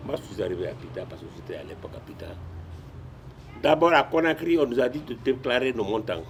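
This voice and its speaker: A man's voice: medium pitch, lively intonation, fast talker, background noise. An older man from Guinea, a retired sports administrator telling stories in an interview, with frequent restarts and repetitions. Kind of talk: storytelling in a sit-down interview.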